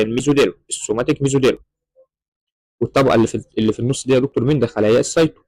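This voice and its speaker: Rapid-fire Egyptian medical lecturer. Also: male voice, mid-range voice, a little mellow, no echo, poor audio. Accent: Egyptian Arabic. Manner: keeps addressing listener as doctor, mixes English terms into Egyptian Arabic. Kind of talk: explaining embryology slides to students.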